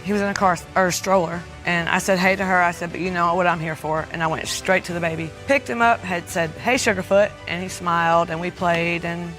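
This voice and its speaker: A woman's voice: fairly low pitch, fairly even intonation, fairly quick, few pauses, fairly bright tone, soft background music, low-quality recording. A middle-aged woman recounting events as a witness in a TV court.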